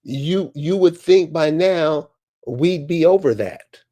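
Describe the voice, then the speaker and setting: A man in casual, reflective conversation, speaking haltingly and deliberately and posing rhetorical questions. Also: on the high side, warm tone.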